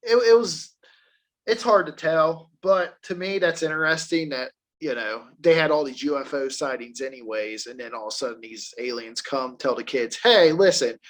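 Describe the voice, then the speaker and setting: A man's voice: medium pitch, fairly even intonation, moderate pace. A man co-hosting a casual podcast, telling a story with swearing and laughter. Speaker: podcast co-host.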